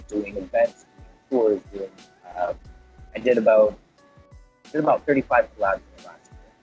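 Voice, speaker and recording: A man's voice: mid-range voice, a little mellow, husky, lo-fi sound. A man, a glass artist, guesting on a podcast, talking in a loose, profane way with many fillers and restarts. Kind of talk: casual chat.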